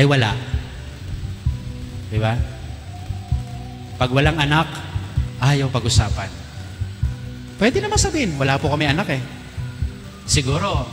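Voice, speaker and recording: Teasing Filipino priest in an echoey church. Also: male voice, a little high. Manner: teasing, quizzes the crowd with rapid questions. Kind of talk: lively homily to a congregation. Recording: echoey church with long reverb, faint music.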